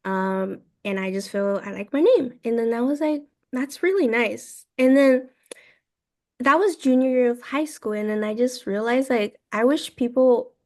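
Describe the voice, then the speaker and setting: A woman in her twenties from China, a guest telling her story in a casual interview, talking in halting phrases full of "like" and quoted thoughts. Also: fairly high pitch. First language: Mandarin. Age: 20s. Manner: frequent "like" and "I was like" quoting, halting phrasing.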